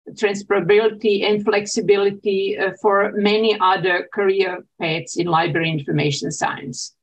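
A woman's voice: mid-range voice, poor audio. A middle-aged woman born in Croatia whose first language is Croatian, a university dean giving welcome remarks on a webinar over a video call, with many hesitant fillers. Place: home office on video call.

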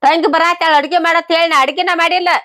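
A woman with a North Karnataka Kannada accent playing a sharp-tongued wife who argues and scolds in a quarrel. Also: extremely high pitch, fairly even intonation, fast talker. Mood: scolding. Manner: argumentative, defensive, scolding. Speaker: wife in a comedy skit.

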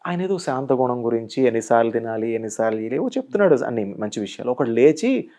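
Fast-talking animated Telugu motivational speaker. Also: male voice, medium pitch. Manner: animated storyteller who plays out the scenes he describes. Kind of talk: guest in an interview.

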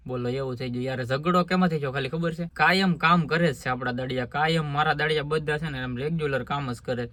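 A man's voice: on the high side, a little fast, hardly any pauses, bright, forceful tone, no echo. A man, vlogging earnestly to his phone outdoors on a farm. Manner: earnest, talks in a homely village way. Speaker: farmer vlogger. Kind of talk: casual vlog talk to camera. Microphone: phone held by the speaker.

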